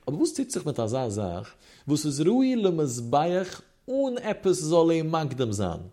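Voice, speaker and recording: A man teaching in a rising and falling study-hall chant, his voice sitting a little high but sounding dark and mellow. He weaves Hebrew terms through a lecture on religious law. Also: huge pitch swings, moderate pace. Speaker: Torah teacher. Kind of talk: Yiddish-inflected Talmud lecture.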